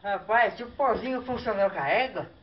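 A man telling a comic story as a clown, animated and full of exaggerated exclamations and sound effects. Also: high-pitched, fairly quick. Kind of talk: comic storytelling duo routine. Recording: distant, dull mic with faint noise.

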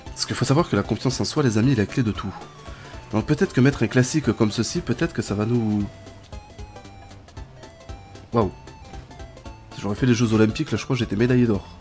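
A man's voice: medium pitch, fairly quick, long pauses, faint music behind. A young man giving casual, chatty gameplay commentary as a gaming YouTuber. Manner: chatty, bursts into excited shouts and laughs.

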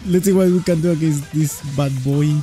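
A young man giving excited, exclamatory gameplay commentary as a streamer, speaking into a desk microphone in an indoor room. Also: a little high, fairly quick, faint music behind. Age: young adult. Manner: exuberant, exclamatory. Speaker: gaming streamer. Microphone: desk microphone close to mouth.

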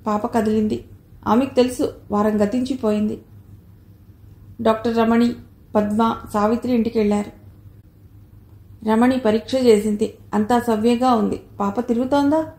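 A woman reading a short story aloud in a measured, expressive way. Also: a little high. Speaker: story reader. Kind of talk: audiobook narration. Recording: roomy echo.

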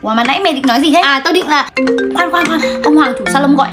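A woman with a very high, bright-pitched voice plays every part in a comic skit. She trades quick, teasing lines. Music plays clearly behind her. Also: echoey room. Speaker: sketch comedian playing all parts. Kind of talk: comedy skit role-play.

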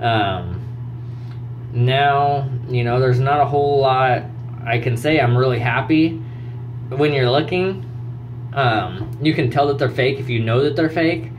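A man's voice: mid-range voice, measured pace, highs cut off, slight background noise. A man speaking with new dentures, chatting casually to the camera in a plain, rambling way with lots of fillers. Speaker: vlogger.

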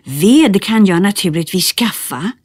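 A woman voicing an excited young boy. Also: mid-range voice, breathy edge, no echo, studio quality, pitched above the performer's own voice. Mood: eager. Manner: excited, eager. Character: curious kind-hearted young boy.

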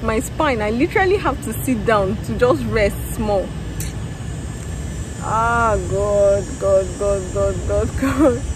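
Tired young woman vlogging outdoors. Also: a little high. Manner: tired, animated storytelling with laughs and exclamations. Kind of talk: casual vlog chat. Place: outdoors in a parking lot beside a factory building. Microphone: phone at arm's length. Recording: phone outdoors with traffic noise.

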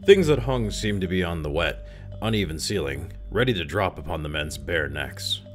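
A man calmly reading a classic short story aloud as narrator. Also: low-pitched, normal speed, faint music behind. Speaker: story reader.

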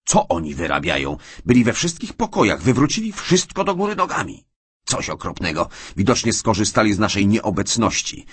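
A man reading an audiobook and voicing an agitated, indignant gentleman with exclamatory, raised delivery. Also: very deep voice, lively intonation, measured pace, few pauses, husky, no room sound, exaggerated voice.

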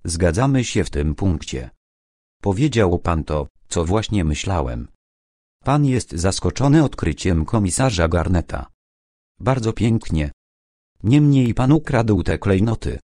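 A man voicing a calm, ironic retired detective in his later years, talking in a low, measured, quietly commanding way in an audiobook. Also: no room sound, studio quality, heavily acted.

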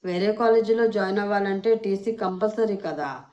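A woman's voice: medium pitch, normal speed, darkish tone, natural voice. An impatient, bossy young man, read by a woman narrator. He speaks plainly and presses for answers, told as a spoken storybook. The sound is slightly dull.

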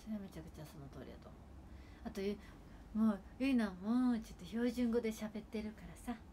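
An idol livestreamer in her twenties from Kagawa, Japan, chats rambling in Kagawa dialect during a casual home livestream with her sister, using frequent fillers. Her medium-pitched voice is mellow and fairly quick, with a little hiss or hum.

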